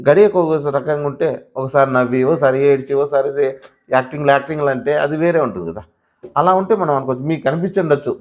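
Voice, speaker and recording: A man reviewing a show in casual spoken commentary, arguing with many rhetorical questions and talking straight to viewers as "sir". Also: medium pitch. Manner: animated, argumentative, full of rhetorical questions; addresses viewers directly as sir.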